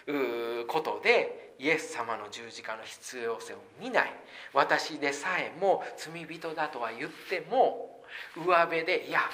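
A male pastor delivers a sermon with a bright, forceful voice pitched a little high. He presses his points emphatically and poses rhetorical questions to the congregation.

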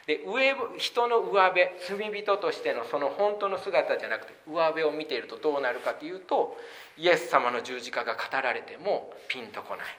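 A male pastor delivers a sermon with a bright, forceful voice pitched a little high. He presses his points emphatically and poses rhetorical questions to the congregation. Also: animated, moderate pace.

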